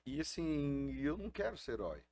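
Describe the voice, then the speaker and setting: A man's voice: fairly high pitch, very animated, brisk, darkish tone. A man speaking as a guest on a podcast, earnest and impassioned, often ending sentences with a questioning tag. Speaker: guest, FUNAI indigenist. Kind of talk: casual podcast interview.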